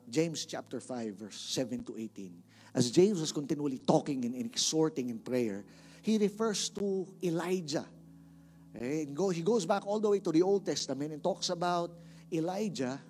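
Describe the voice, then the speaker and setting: A man's voice: fairly high pitch, expressive, moderate pace, a little mellow. A male pastor with a Filipino accent preaching a sermon in a church, emphatic, repeating words and calling on the congregation to answer back.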